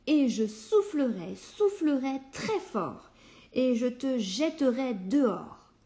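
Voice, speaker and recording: A woman voicing a lazy, rude little pig who shouts insults at a kind wolf in a storybook tale. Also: sits high, big pitch swings, pitched above the performer's own voice, heavily acted. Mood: rude shouting. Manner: shouting, quick and insolent. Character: rude, loud, lazy little piglet boys.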